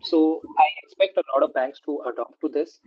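A man's voice: fairly high pitch, a little fast, husky, dry recording. A man from India chats about tech news in a loose way, leaning on fillers. The recording is dry and somewhat muffled. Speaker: podcast co-host. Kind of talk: casual tech chat.

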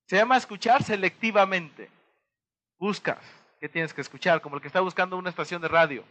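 A man with a Mexican accent giving a motivational talk to an audience, pausing to throw them rhetorical questions and act out little dialogues. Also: sits high, sharp tone. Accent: Mexican Spanish. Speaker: motivational speaker.

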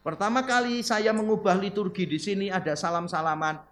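A high-voiced male pastor delivering a sermon. He tells stories in a lively way, acts out bits of dialogue and laughs along, and keeps turning to the congregation as he speaks. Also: fairly quick. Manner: animated storytelling with quoted dialogue and laughter; addresses listeners as "saudara".

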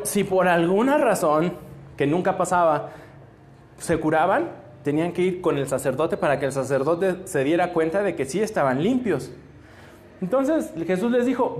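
A man's voice: high voice, animated, normal speed, darkish tone, slight background noise. A man telling a Bible story to children in a playful, joking way and quizzing them as he goes. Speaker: children's preacher.

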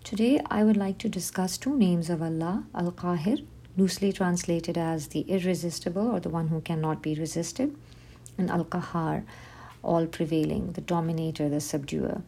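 A woman host giving a scripted religious lesson, reading definitions in slow, measured lists. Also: lowish voice, creaky, mellow, breathy edge. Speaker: podcast host teaching on Islam.

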